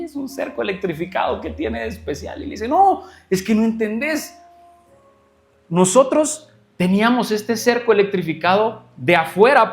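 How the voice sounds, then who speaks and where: Guest preacher, male, high-pitched, animated storyteller who acts out the dialogue. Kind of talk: sermon storytelling.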